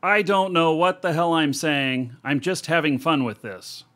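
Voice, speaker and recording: A man's voice: on the high side, unhurried, fairly bright tone. A man hosting a live gameplay stream, chatting casually and rambling as he goes. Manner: rambling, chatty, laughs at himself. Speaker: livestream host.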